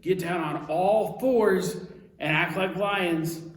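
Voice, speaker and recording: A man's voice: sits high, slow. Upbeat man, echoey and distant. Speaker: children's ministry co-host. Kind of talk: scripted kids' show banter. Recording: echoey room, mic at a distance.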